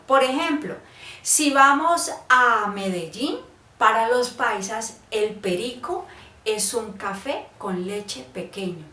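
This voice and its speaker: A woman's voice: medium pitch, sharp tone, distant mic. A woman from Colombia with a Cali accent, teaching a lesson in a chatty way and checking in with her listeners. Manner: chatty, asks "¿sí?" to check understanding. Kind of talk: explanatory lesson. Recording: roomy, off-mic, faint ambience.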